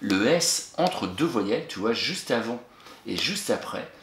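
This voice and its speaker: A man teaching a young child, spelling words slowly letter by letter and warmly praising answers he pretends to hear. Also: medium pitch, big pitch swings. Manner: encouraging, talks to an absent pupil and pauses for answers. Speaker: primary school teacher. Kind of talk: recorded spelling lesson for a child. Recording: echoey room with faint noise.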